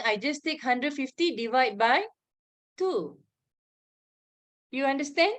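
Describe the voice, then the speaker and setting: Slow, high-voiced Malaysian woman teaching. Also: fairly bright tone. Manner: informal, checks understanding with frequent questions and local particles. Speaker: maths teacher. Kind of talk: online maths lesson, explaining step by step.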